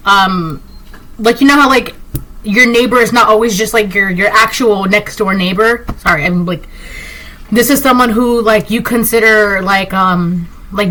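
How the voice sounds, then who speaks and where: On a rough recording with slight background noise, a Puerto Rican woman who speaks Spanish does a casual tarot reading to camera. Her mid-range voice is a bit bright, and she rambles with frequent fillers and restarts.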